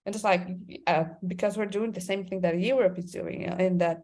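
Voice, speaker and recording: A Brazilian woman from the Amazon region, a creative director and club president, speaks English with a Brazilian Portuguese accent as an interview guest. Her voice is fairly low and darkish, with fairly even intonation and a fairly quick pace. She sounds thoughtful, using many fillers and restarts.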